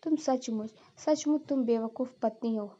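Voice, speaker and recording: A woman's voice: on the high side, normal speed, dark tone, muffled recording, slight background noise, lightly acted. A woman voicing an exasperated young husband in a cartoon story.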